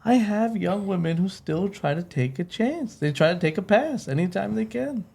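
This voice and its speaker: A man's voice: sits high, animated, normal speed, creaky, a little mellow, slightly rough. A forty-year-old man co-hosting a casual podcast chat, making his points emphatically and repeating words to stress them. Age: 40s. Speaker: podcast co-host.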